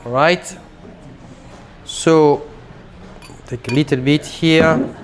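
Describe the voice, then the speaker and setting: Sommelier teaching a tasting. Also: male voice, fairly high pitch, very slow, slight background noise. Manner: animated, explains while demonstrating. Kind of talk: live tasting class. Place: private tasting room.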